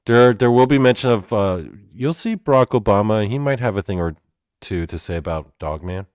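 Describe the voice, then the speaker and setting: Low-voiced halting comedy show host. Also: male voice, expressive, a little mellow, clean tone, no echo, studio quality. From Canada. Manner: halting, awkward, heavy on fillers.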